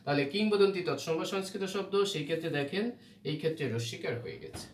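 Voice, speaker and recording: Guy teaching spelling rules, bit high voice, echoey room, mic kinda far off. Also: lively intonation, fast. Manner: explains patiently, often asks "ঠিক আছে?". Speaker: Bengali language teacher. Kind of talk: exam-prep spelling lesson. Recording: roomy echo, from away from the mic, faint hum.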